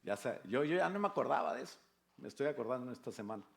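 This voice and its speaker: An older pastor with a Mexican Spanish accent preaches a conversational sermon in church, using rhetorical questions and jokes. His voice is medium-pitched, animated, and creaky, and he speaks at a quick pace.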